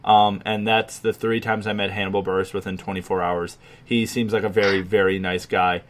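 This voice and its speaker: A man's voice: lowish voice, little pitch movement, a little fast, a little hiss or hum. A man in his twenties from Chicago, co-hosting a casual podcast chat, rambling and swearing, with lots of fillers. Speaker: podcast co-host.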